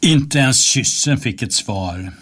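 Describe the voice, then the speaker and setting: A man narrating a first-person story in a calm, measured reading voice. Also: mid-range voice, husky.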